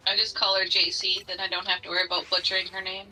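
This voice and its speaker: A woman in a casual gaming chat, tossing in quick joking asides. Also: mid-range voice, flat delivery, pushed and bright, distant mic, faint music behind, poor audio.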